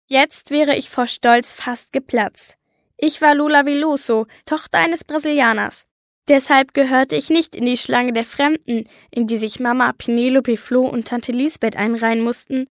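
A woman reading a children's story in lively first-person audiobook narration. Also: fairly high pitch, dry recording, clean studio sound. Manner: lively storytelling, voicing a young girl narrator. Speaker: audiobook reader.

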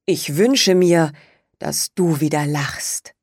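A woman doing a gentle, slow old man. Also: low-pitched, big pitch swings, breathy edge, no room sound, studio quality, heavily acted. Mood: tender.

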